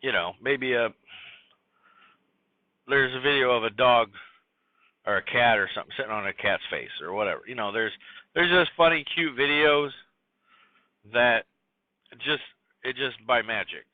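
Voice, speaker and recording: A man with a mid-range, expressive voice hosts a casual solo podcast at a normal speed, pausing often. He rambles in a scattered way, full of fillers and restarts. The recording is dry and tinny, like a phone.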